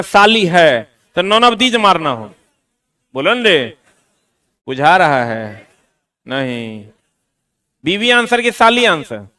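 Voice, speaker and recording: Bright-voiced teacher teasing his class. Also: sits high, smooth. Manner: teasing, scolding students in Bihari-tinged Hindi slang. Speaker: exam coaching teacher. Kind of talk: classroom lecture. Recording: voice from a distance.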